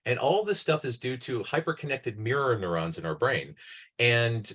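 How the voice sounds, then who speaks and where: A man's voice: medium pitch, lively intonation, normal speed, fairly bright tone, slightly rough. A male clinician presenting to mental health providers over a video call in an informal lecture style. He digresses often, fills gaps with "uh," and has enthusiastic, emphatic bursts. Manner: tangential and digressive, with frequent "uh" fillers.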